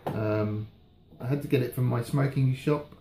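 A British man in his thirties chatting casually and haltingly in a relaxed, rambling review, often trailing off. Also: mid-range voice. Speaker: pipe tobacco reviewer. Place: indoors, small room at home. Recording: roomy echo, faint background noise.

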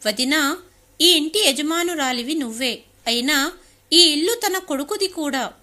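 A bright, high-voiced young wife, as a woman narrator puts her on, indignant and pressing in an audiobook story. She confronts her family with sharp, raised questions. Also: lively intonation, a little slow, full character voice. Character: angry young married woman, daughter defending her mother.

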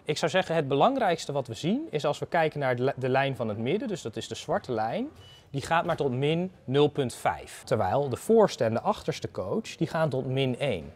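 A man in his thirties with a mid-pitched, highly animated voice. He explains technical data conversationally, building it up step by step in a didactic way. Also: moderate pace, husky. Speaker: expert guest, data analyst. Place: indoor garden atrium of a university building.

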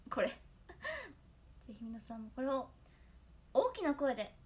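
Slowly, and with big swings in pitch, a young woman with a high voice chats casually to fans on her solo stream. As an idol trainee, she recites tongue twisters and giggles frequently.

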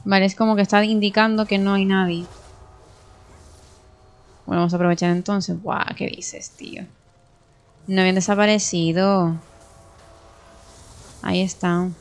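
A young woman with a Spain Spanish accent commentating her own gameplay, excitable, swearing and talking to herself as she plays. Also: medium pitch, moderate pace, long pauses, clear, resonant tone. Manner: excitable, swears and talks to herself while playing. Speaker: gaming streamer.

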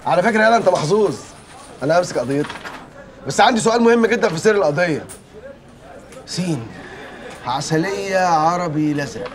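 A man's voice: high-pitched, animated, quick pace, pauses often, a little hiss or hum. An Egyptian actor playing a cocky young man who poses as a lawyer, talking in a wisecracking, mock-formal way.

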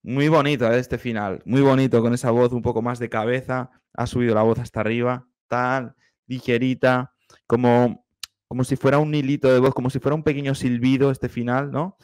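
Man, choir director, music reaction commentary, explains vocal technique, medium pitch, dry close sound. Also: level tone, a little fast, darkish tone, clear, resonant tone, no echo. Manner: explanatory, enthusiastic, hums vocal demonstrations.

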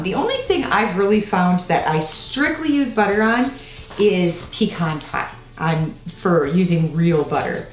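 Chatty woman baking in a roomy kitchen. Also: fairly low pitch. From Iowa, United States. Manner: chatty, rambling asides while working. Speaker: home baking vlogger. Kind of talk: casual baking tutorial chat. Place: home kitchen, indoors. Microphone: far camera on a tripod. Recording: roomy kitchen with faint music.

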